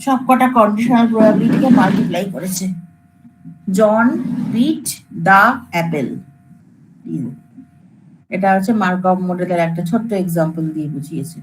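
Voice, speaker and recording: A woman's voice: mid-range voice, moderate pace, long pauses, heavy background noise. A woman lecturer, explaining to students in a casual, coaxing classroom way. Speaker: computer science lecturer.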